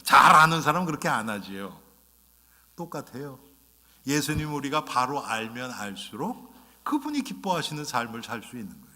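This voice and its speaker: A man's voice: mid-range voice, sharp tone. A male pastor preaching a sermon in a conversational way, often turning to the congregation and acting out short quoted lines. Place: church sanctuary. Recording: long reverb of a church sanctuary.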